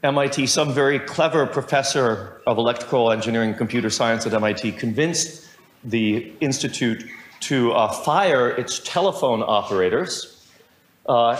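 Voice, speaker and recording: A middle-aged man giving a university lecture, wandering through asides with wry humor and frequent self-corrections. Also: medium pitch. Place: lecture hall. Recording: roomy lecture hall sound.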